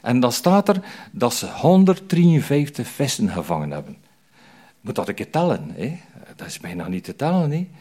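A man's voice: mid-range voice, very animated, moderate pace, warm tone, breathy edge. An older man preaching an informal sermon, chatty and full of fillers and tag questions. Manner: chatty, frequent "hè" tags and fillers. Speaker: prison chaplain preacher.

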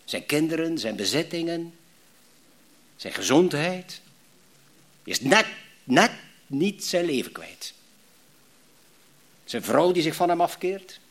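Middle-aged male West Flemish pastor, high-pitched and expressive, sermon delivery with restarts and questions to the room. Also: slow, long pauses. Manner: animated, repetitive restarts, rhetorical questions to the congregation.

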